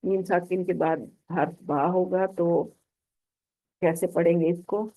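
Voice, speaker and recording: A woman teaching a Quran recitation lesson online, slowly explaining rules and reciting examples while unwell. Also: lowish voice, fairly even intonation, mellow. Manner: slow, patient explaining with drawn-out recited examples. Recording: tinny phone-line audio.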